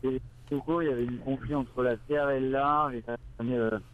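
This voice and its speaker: A man, a sailing race skipper, talking casually over a radio link from his boat, halting and full of hesitations. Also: mid-range voice, steady tone. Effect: heard over a crackly radio link from a boat. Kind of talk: casual live interview. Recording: tinny radio link from sea.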